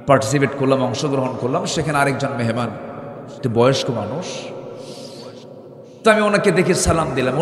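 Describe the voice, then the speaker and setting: Brief: male waz preacher, raised pitch, fiery call-and-response, echoey hall with long reverb. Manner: fiery call-and-response, pressing the crowd to answer louder; rhythmic repeated phrases rising to shouts. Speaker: Islamic preacher. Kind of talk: Bengali waz sermon.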